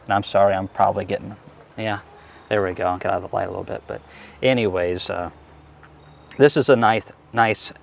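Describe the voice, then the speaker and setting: Outdoors at a beehive, a beekeeper answers interview questions in a relaxed, enthusiastic way while tending the hive. His voice is low and steady, fairly quick, with vocal fry and frequent pauses.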